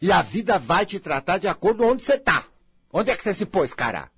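A man's voice: high voice, big pitch swings, brisk, fairly bright tone, husky, dry recording. A man with a Brazilian accent giving an emphatic, dramatic motivational monologue as a spiritual life coach, acting out mocking dialogues.

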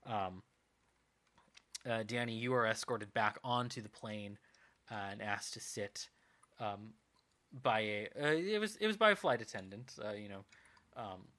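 A man's voice: fairly low pitch, expressive, moderate pace, sharp tone. A man narrating a tabletop game as game master, rambling with lots of ums and uhs.

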